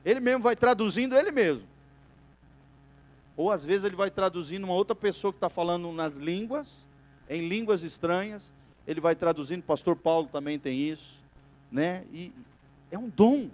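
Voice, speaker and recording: A high-voiced, expressive pastor with a Brazilian Portuguese accent delivers a sermon in church at a moderate pace. He asks the congregation for "amém," alternating loud, forceful outbursts with quiet stretches.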